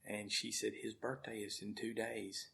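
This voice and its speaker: A man's voice: fairly low pitch, little pitch movement, normal speed, creaky, pushed and bright. A man from Arkansas, a guest telling heartfelt, rambling stories and often repeating his words. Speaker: guest, food charity volunteer. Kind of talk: storytelling in conversation.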